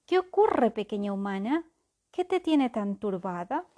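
A woman's voice: mid-range voice, sing-song, a little slow, warm tone. A woman voicing a male ship captain in a children's story who always answers in rhyme. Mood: gentle. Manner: rhyming, theatrical.

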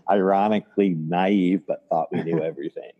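A man talking over a video call in a reflective conversation, thoughtful and halting as he recalls the past. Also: low voice, warm tone. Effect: voice heard over a video call. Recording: dull, lo-fi video call audio.

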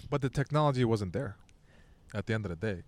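A man in his thirties, a podcast guest, talking bluntly with lots of swearing and loud laughs. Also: on the low side, lively intonation, quick pace, no echo. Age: 30s. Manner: blunt, profane, laughs loudly. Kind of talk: crude casual chat.

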